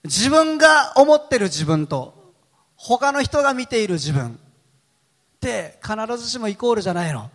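A male pastor speaking to his congregation in a high, very animated voice that swoops up and down. He talks in a chatty, storytelling way and laughs easily. The long reverb of a large hall trails after each phrase. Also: normal speed. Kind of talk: sermon.

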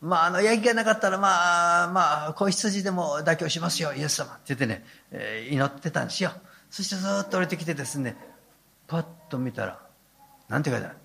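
A man's voice: fairly high pitch, lively intonation, quick pace, vocal fry, bright, forceful tone. An older man, preaching a sermon as a pastor with folksy, humorous storytelling.

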